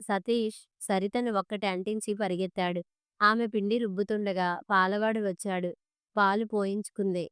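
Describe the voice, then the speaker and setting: A woman narrating a story in a steady, measured reading voice. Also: mid-range voice, smooth, dry recording, clean studio sound.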